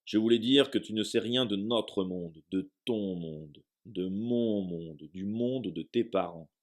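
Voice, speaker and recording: A man reading aloud, voicing a huge, hot-tempered male half-giant groundskeeper with booming outbursts. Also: slow.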